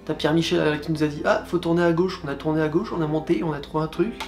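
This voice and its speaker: Casual man over clear music. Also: fairly high pitch, fairly even intonation, rapid-fire. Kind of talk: casual recounting of an outing.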